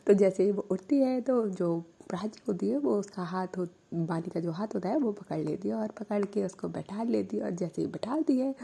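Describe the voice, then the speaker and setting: Young woman, casual storyteller, chatty, dark mellow voice, mid pitch. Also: moderate pace, creaky, few pauses, husky. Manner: chatty, frequent laughs and fillers.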